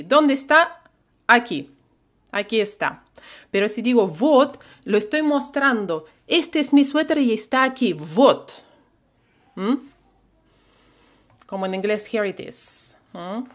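A woman's voice: fairly high pitch, animated, takes it slowly, pauses often. A woman with a Russian accent, a native Russian speaker, teaching a live online language lesson and patiently repeating phrases for learners to copy.

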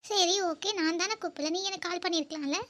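Cartoon lead: a woman voicing an earnest young woman in love, very high and squeaky, fast-talking and emotional. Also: steady tone, sharp tone. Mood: defensive. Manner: emotional, pleading. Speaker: narrator and lead character. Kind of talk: cartoon voice acting.

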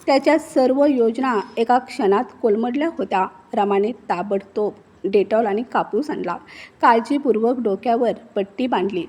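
A woman narrating a scripted story with a steady, expressive reading. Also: fairly high pitch, moderate pace.

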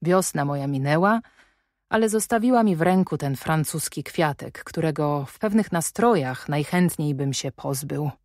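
A woman reading the lines of an ironic, commanding middle-aged English gentleman in an audiobook, in a measured, wry and probing manner. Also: low-pitched, animated, no echo, studio quality.

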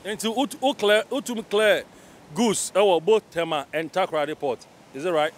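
A chatty interviewer with a Ghanaian accent speaks in a high-pitched voice. He holds a handheld mic outdoors by the sea, with faint traffic noise behind him. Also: normal speed. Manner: chatty, switches between English and Twi. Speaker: interviewer host. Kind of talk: casual interview.

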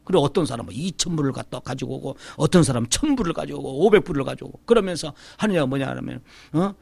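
Middle-aged pastor guy telling his story to church, acts out voices, kinda high voice, gravelly. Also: no room sound. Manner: animated storytelling, acting out voices. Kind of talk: testimony sermon.

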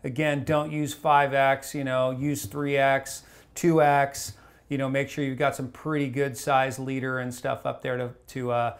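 Speaking at a measured pace in a medium pitch, a man in his forties from a fly shop delivers a laid-back fishing report on camera. The small room around him is wood-paneled, and his talk meanders with plenty of fillers and false starts.

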